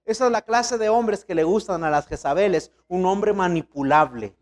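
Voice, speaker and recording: Man, pastor, sermon, high-pitched voice, animated storytelling. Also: moderate pace. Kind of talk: preaching a sermon.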